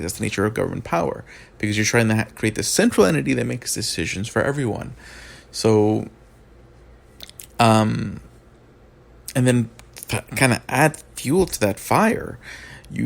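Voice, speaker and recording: Man, mid-pitched, vocal fry, groggy from sleep, casual political commentary, halting, unscripted. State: groggy, just woke up.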